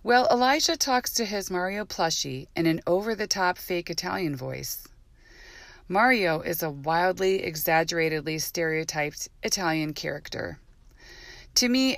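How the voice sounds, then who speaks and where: A woman's voice: sits low, dry recording. A mother telling first-person parenting stories in a reflective, earnest and candid way.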